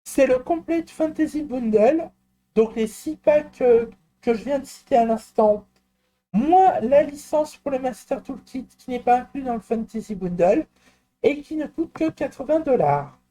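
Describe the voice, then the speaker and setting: A man presenting a screen-recorded software walkthrough, talking in a hesitant, explanatory way with frequent fillers and restarts and personal asides. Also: extremely high pitch, lively intonation, a little slow. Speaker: tutorial presenter.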